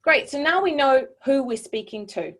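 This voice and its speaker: A woman from New Zealand, her accent softened by long years in Europe, coaching a webinar audience in a clear, measured, encouraging way over a video call. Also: sits high, lively intonation. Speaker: webinar presenter. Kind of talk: online presentation coaching.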